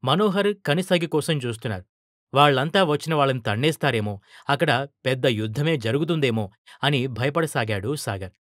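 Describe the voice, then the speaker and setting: A man narrating a story in a steady, expressive reading voice. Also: mid-range voice, brisk, no echo, clean studio sound. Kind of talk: scripted narration.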